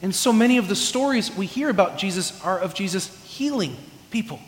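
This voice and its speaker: A Californian preacher with a high-pitched, expressive voice delivers a brisk, chatty sermon, poking fun at himself with humor and often restarting his phrases. The church sanctuary gives the recording an echoey hall reverb.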